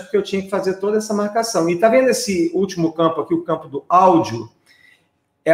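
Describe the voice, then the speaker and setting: Man, high voice, talkative tutorial teacher, echoey room recording. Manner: chatty, explains step by step with frequent checks like "tá?". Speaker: English teacher. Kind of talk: screen-share software tutorial.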